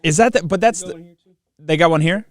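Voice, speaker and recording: A man's voice: high-pitched, moderate pace, dry recording. A man in his thirties co-hosting a casual sports talk show, upbeat and laughing with lots of fillers. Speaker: podcast co-host.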